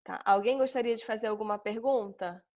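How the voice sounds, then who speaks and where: Speaking fairly quickly in a mid-range, darkish voice, a Brazilian teacher with a Brazilian Portuguese accent leads an online lesson over a video call. She goes step by step with patience, constantly adding "tá?" to check in with her students. The recording is dull and lo-fi.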